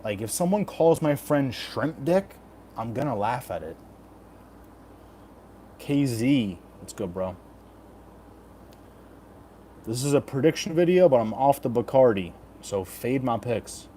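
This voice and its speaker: A man's voice: medium pitch, animated, measured pace, mellow, slight background noise. A man hosting a casual livestream, talking in crude, profane frat-bro slang as he banters with chat. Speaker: livestream host giving fight predictions.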